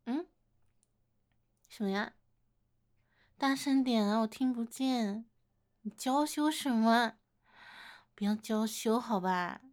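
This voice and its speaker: A slow, fairly high-pitched, soft-spoken older-sister figure, played by a woman in a romantic role-play audio. She teases and coaxes her admirer playfully, drawing out her words with gentle affection. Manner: coaxing, playful teasing, gentle laughter. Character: teasing, affectionate older-sister woman wooed by a younger man.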